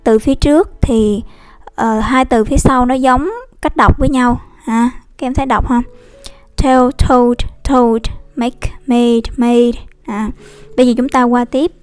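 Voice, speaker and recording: A woman teaching an online lesson, explaining slowly and patiently with many fillers. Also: a little high, steady tone, no echo. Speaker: English teacher. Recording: dry close recording with faint music.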